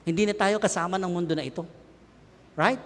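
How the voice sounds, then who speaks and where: High-voiced Filipino pastor in a reverberant hall. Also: male voice, brisk. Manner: animated, shouting and joking with the congregation. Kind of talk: sermon.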